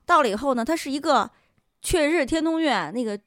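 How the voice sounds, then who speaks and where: A woman's voice: high-pitched, a little fast, no echo, clean studio sound. A woman hosting a podcast, telling a story in casual chat and acting out the voices she quotes. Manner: animated, laughs often, acts out quoted voices. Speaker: podcast host.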